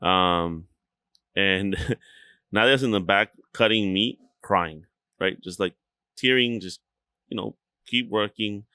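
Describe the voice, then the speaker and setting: A man's voice: on the low side, slow, pauses often, sharp tone, no echo, clean studio sound. A man from Chihuahua, Mexico, a restaurant co-owner talking casually as a podcast guest, rambling with lots of fillers and swearing freely.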